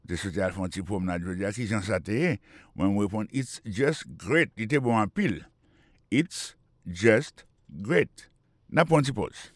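A man's voice: fairly low pitch, quick pace, no room sound, studio quality. A man hosting a radio language lesson, patiently repeating phrases and spelling words out letter by letter. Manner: explanatory and patient. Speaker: English teacher and radio host.

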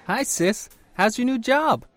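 A woman voices a curious sibling asking careful questions about a new job, slowly and with plenty of rise and fall. Each question is spoken clearly, the way a scripted language-lesson dialogue is read. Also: fairly high pitch, animated, no echo, clean studio sound.

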